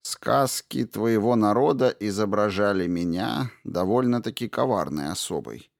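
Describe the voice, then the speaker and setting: A man voicing an old witch who was once a fairy queen, bitter and guarded, in a hushed, slow, menacing tone for an audiobook. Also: lowish voice, animated, vocal fry, dry recording, clean studio sound. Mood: guarded, weary. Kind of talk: audiobook character reading.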